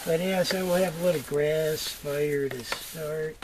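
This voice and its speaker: An older man giving a casual do-it-yourself demonstration inside a small greenhouse, talking in an unhurried, folksy way full of fillers. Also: fairly high pitch, steady tone. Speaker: homesteader showing his build. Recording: noisy camera audio.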